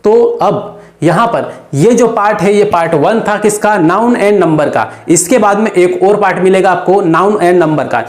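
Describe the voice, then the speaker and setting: A man's voice: high voice, darkish tone. A male teacher giving an exam-prep grammar lesson, repeatedly asking and answering his own questions. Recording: echoey room.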